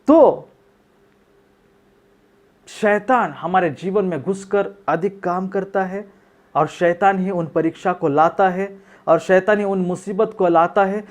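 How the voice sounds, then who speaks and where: Guy preaching, pretty high voice, keeps asking questions then answering them, says stuff twice. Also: darkish tone. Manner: emphatic, asks and answers his own questions; repeats phrases for emphasis. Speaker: pastor. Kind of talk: sermon.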